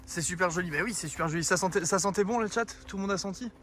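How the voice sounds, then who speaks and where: This young man talks very fast as he streams outdoors in town, teasing and joking with his chat a bit out of breath. His voice sits high with a fairly bright tone, and a faint hiss or hum runs underneath.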